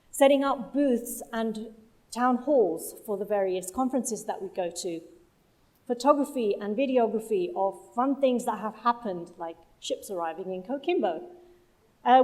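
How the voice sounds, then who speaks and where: A London-based project manager, a native Punjabi speaker, presents a talk from the stage of a conference hall. Her voice is on the higher side, though its tone is somewhat dark.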